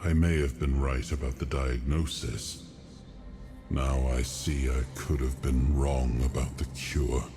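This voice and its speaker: A stern, burdened king from a fantasy game. His voice is extremely low and his delivery slow and solemn, weighing every word. Prominent music plays behind him. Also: steady tone. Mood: regretful, weary. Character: grave, regretful King Arthur, stern ruler burdened by past decisions. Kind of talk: dramatic fantasy video game acting.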